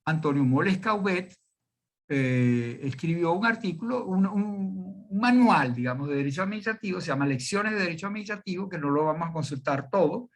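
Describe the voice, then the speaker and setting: A man's voice: a little high, expressive, a little fast, a bit bright. An older man with a Venezuelan accent giving a university law lecture online, with many fillers and restarts as he wanders into side remarks. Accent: Venezuelan Spanish. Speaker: law professor.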